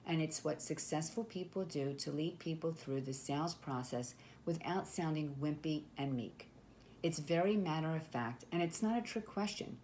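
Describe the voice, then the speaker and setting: A woman teaches sales technique with a confident, emphatic delivery, slipping into sample lines she might say to a prospect. Her voice sits on the lower side, with a faint hiss under the recording. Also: normal speed, a little mellow. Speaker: network marketing coach. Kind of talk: instructional talk to camera.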